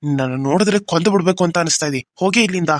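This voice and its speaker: A man's voice: sits high, very fast, lightly acted. A man voicing a moody young cartoon husband. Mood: angry. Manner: brooding, harsh, then pleading. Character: young husband, moody, torn between two women. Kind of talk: cartoon serial voice acting.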